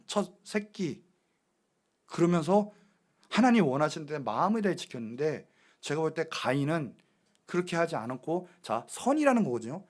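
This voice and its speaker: A man preaches from the pulpit of a church, his voice pitched high and swinging widely up and down. He presses his points with rhetorical questions aimed straight at the congregation. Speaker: pastor. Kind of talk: sermon. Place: church sanctuary.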